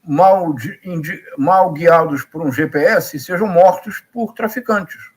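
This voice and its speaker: High-pitched Rio man, emphatic political commentator. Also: takes it slowly, breathy edge. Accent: Rio de Janeiro Brazilian Portuguese. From Rio de Janeiro, Brazil. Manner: emphatic, didactic, rhetorical questions and repetition.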